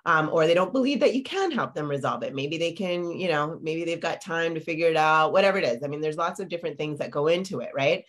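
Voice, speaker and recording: Speaking fast with barely a pause, this low-voiced woman is a business coach in her forties giving a live-streamed coaching talk from her home office. She's on a video call webcam, slightly congested with a lingering cough, and chats away with lots of fillers and tag questions.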